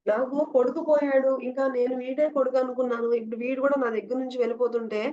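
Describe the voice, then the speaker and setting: A woman's voice: sits high, level tone, fast, dark tone, highs cut off, close to an everyday voice. A woman voicing the guru's wife, a grieving older woman who speaks tearfully and pleadingly.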